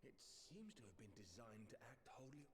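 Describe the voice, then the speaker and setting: A man's voice: medium pitch, very animated, fairly quick, noisy background, close to an everyday voice. A man playing a serious, cautious strategist in a video game, explaining in formal terms. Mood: grave, analytical. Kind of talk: scripted video game dialogue.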